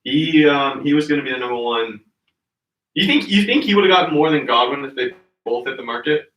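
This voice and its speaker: Male podcast host, rambling casual chat, bright voice, echoey room sound. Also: mid-range voice, animated, a little fast, distant mic. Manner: rambling, loose, lots of fillers.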